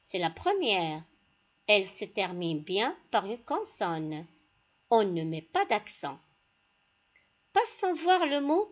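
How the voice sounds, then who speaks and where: Slow, lively-voiced woman teacher. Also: a little high, highs cut off. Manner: slow, deliberate, addresses pupils directly. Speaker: primary school teacher. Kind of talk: classroom lesson.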